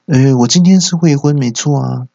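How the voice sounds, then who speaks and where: A man's voice: medium pitch, moderate pace, creaky, dark tone, no room sound, dull audio, voice pushed up. A man playing a flustered husband of about fifty who stammers out excuses.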